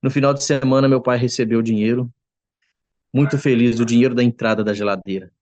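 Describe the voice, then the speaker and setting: A man gives an earnest testimony before a church congregation. His voice sits at an ordinary middle pitch, and the sound is close and dry with no room echo. He often turns to his listeners as brothers as the story goes on. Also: fairly even intonation, fast talker, a little mellow, lo-fi sound. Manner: acts out quoted voices. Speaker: church member giving testimony.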